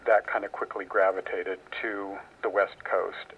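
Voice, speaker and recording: Male academic interviewee, lowish voice, thin telephone-like audio. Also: level tone, measured pace, breathy edge. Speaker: college film program director. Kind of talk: interview remarks. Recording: tinny, narrow phone-like line.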